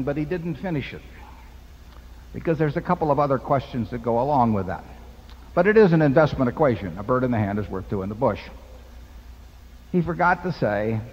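In unscripted answers to shareholders, an older chairman at a stage table microphone uses a folksy parable and easy arithmetic to patiently explain investing. His voice is mid-range and slightly rough, heard through a dull, lo-fi recording with long hall reverb.

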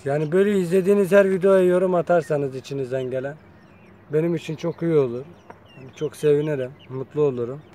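Filming his chickens in an outdoor yard on his phone, a man chats casually with his viewers in a coaxing vlog style. His voice is a little high and mellow, and there is a slight hiss or hum.

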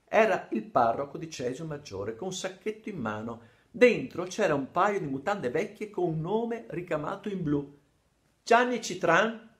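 Middle-aged italian guy reading his own story, lively up and down voice, acts out the bits. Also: on the high side, moderate pace. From Italy. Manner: expressive, acts out quoted voices, drops to hushed asides.

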